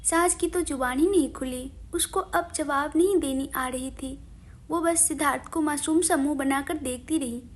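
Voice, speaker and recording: A woman with a high, light voice narrates a romantic audio story. Her telling is gentle and expressive, scripted and steady as she moves the tale along. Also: moderate pace.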